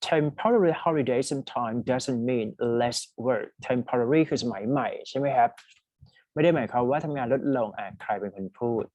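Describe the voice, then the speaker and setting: A man teaching an exam-prep class, reading English passages slowly and explaining them in quick Thai. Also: medium pitch, darkish tone, no room sound. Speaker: IELTS teacher. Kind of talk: online class lesson.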